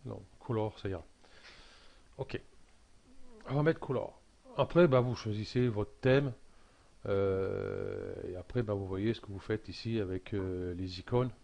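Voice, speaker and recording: A man talking through a casual software tutorial, hesitant and full of fillers and restarts. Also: on the low side, a little slow, pauses often.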